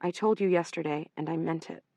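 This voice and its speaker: A woman narrator reads an audiobook, voicing a wronged female editor who speaks firmly in clipped, barely controlled lines. Her voice is low-pitched and mellow, with fairly even intonation, a brisk pace, and no room sound.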